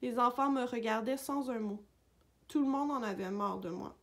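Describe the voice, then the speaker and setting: A woman reading a picture book aloud for young children, narrating gently in a dog's voice of first person. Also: a little high, normal speed. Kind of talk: read-aloud storybook narration.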